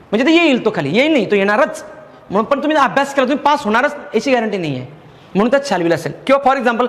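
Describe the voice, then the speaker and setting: High-pitched male teacher, patient and repetitive explainer, lecture delivery. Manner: explains patiently, repeats each point. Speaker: English grammar teacher. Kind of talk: classroom lecture.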